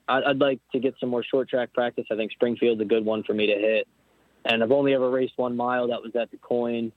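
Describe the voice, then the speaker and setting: A nineteen-year-old motorcycle racer from Pennsylvania, a young man with a medium-pitched voice, chats casually as a guest in a phone interview. He rambles and often restarts his sentences. The line is dry and tinny, with no echo.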